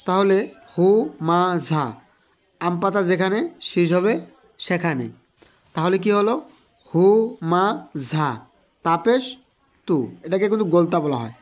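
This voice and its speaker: Man, Quran reading teacher, online lesson, slow repeated spelling, encouraging tone. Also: high voice. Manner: slow, repetitive spelling-out of letters; addresses students directly, encouraging.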